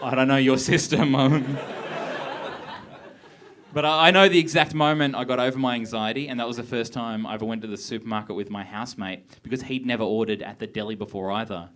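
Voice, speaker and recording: Deadpan young comic, crowd laughing. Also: male voice, medium pitch, a little fast. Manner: deadpan, awkward self-deprecating delivery. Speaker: stand-up comedian. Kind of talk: stand-up set. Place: large theatre stage. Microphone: handheld stage mic. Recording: live theatre with crowd laughter. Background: audience laughter.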